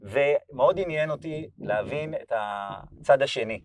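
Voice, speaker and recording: A hoarse man explaining things thoughtfully in a casual chat. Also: mid-range voice, darkish tone, distant mic.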